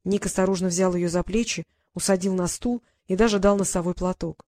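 A woman narrating an audiobook in a steady, even storytelling manner. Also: lowish voice, a little fast.

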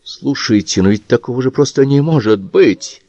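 A man's voice: mid-range voice, lively intonation, moderate pace, mellow, dry recording, muffled recording, lightly acted. A male audiobook reader voicing an injured, stocky man who exclaims with impatience and indignation. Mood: indignant. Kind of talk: audiobook character reading.

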